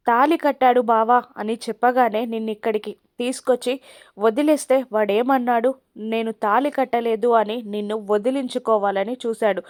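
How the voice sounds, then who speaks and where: An enraged father from a soap story, hammering out one accusing question after another, as a woman narrator reads his lines. The voice sits on the high side, and the recording is dry and close. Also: a little mellow, no room sound, lightly acted. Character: furious accusing father, middle-aged man.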